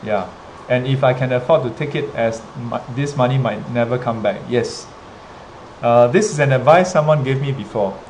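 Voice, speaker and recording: With a darkish mid-range voice and a Singaporean accent, a man hosts a livestream, telling a story casually as a teacher addressing students. He speaks haltingly, with frequent pauses and repetition, and the recording carries clearly noisy ambient sound and rain.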